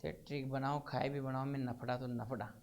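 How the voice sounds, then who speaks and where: A man's voice: medium pitch, level tone, brisk, gravelly, a little mellow. A man teaches physics to a classroom. He questions his students step by step as he works through the problem, keeping the lesson moving. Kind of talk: classroom lecture.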